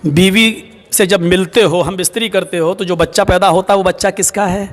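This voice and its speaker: Patient questioning elder ruler, as a preacher puts him on, high voice. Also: male voice, fairly even intonation, lightly acted. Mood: coaxing. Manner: coaxing, questioning. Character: wise, patient caliph, older man, questioning. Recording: long hall reverb.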